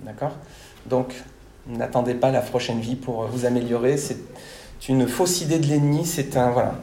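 Mellow-voiced man preaching in an echoey hall. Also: mid-range voice, steady tone, normal speed, slight background noise. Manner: didactic, repeats "d'accord?" to check understanding. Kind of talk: sermon. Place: church hall.

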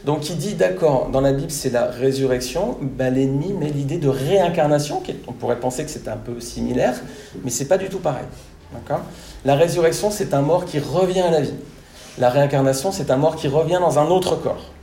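A man's voice: a little high, a little fast, vocal fry, dark tone, reverberant. A man preaching a sermon to his congregation, teaching step by step and often checking with "d'accord?". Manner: didactic, repeats "d'accord?" to check understanding. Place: church hall.

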